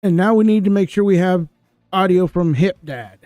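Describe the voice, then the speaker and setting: A man's voice: high-pitched, moderate pace, dark tone, dry recording, studio quality. A man hosting a casual live stream, his mic-check audio glitching and repeating in a loop. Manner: mic check, asking if he can be heard. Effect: glitching audio stuck repeating in a loop. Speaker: host.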